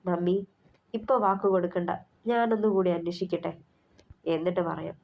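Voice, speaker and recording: A woman's voice: on the low side, normal speed, gravelly. A woman voicing a protective older brother, a young man who talks bluntly and scolds his friend. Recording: slightly muffled recording.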